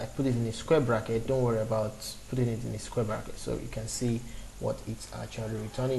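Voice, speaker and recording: A creaky, slightly mellow medium-pitched voice belongs to a man in his twenties teaching beginners to program in a screen-recorded lesson. He explains each step off the cuff with fillers and restarts. Audio quality is poor, with slight background noise.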